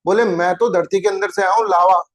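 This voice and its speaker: A man's voice: sits high, fairly even intonation, a little fast, natural voice. A man voicing a talking rock that explains it came up from inside the earth, in a plain explaining tone. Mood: matter-of-fact.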